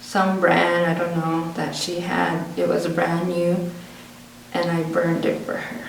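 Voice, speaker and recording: A woman's voice: fairly low pitch, slow pace, vocal fry. A Pueblo woman from New Mexico telling a family story in an oral history interview, acting out the voices of her relatives. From Pueblo community, New Mexico. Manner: lively storyteller who acts out family dialogue. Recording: roomy, distant, faint background noise.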